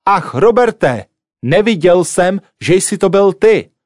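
A man voicing Hannes, a loud impatient bank robber. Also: high voice, expressive, no room sound, clean studio sound, voice pushed up. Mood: flustered. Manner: loud, barking orders.

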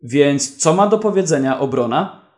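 A man's voice: fairly high pitch, expressive, moderate pace, a little mellow, roomy sound, close to an everyday voice. A man voicing a tired, impatient male judge who gives curt commands in a read-aloud story. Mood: weary.

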